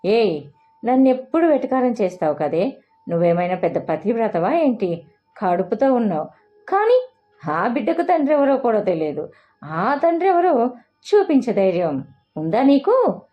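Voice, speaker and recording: A woman's voice: mid-range voice, big pitch swings, measured pace, muffled recording. Woman doing a sneering, jealous second wife. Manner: mocking, taunting.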